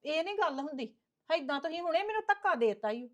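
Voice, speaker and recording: A woman's voice: sits high, expressive, fast talker, dull audio. A woman playing an offended aunt who was left out of her nephew's send-off, complaining sharply. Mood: lecturing. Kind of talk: family short-film acting.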